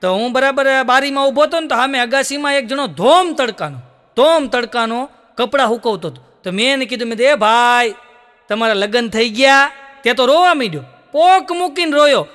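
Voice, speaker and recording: Extremely high-pitched and a little fast, this man's voice has a fairly bright tone. He's a stand-up comedian doing a Gujarati joke show on stage, voicing every character and laughing between punchlines, captured with long hall reverb.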